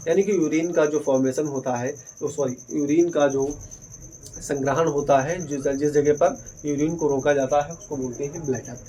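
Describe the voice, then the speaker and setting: A man's voice: fairly high pitch, fairly even intonation, moderate pace, warm tone, a little hiss or hum, rough recording. A man teaching a biology lesson at a board, explaining step by step and asking questions he then answers himself. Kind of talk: whiteboard lesson.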